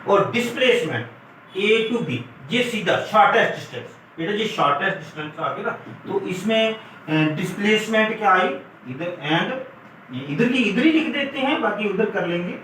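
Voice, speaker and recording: Explaining physics step by step at a board, a male lecturer blends in English terms and addresses his students as "beta". He sounds animated, with a high-sitting voice, a fairly bright tone and a moderate pace. The room echoes, the mic is distant, and there's faint noise.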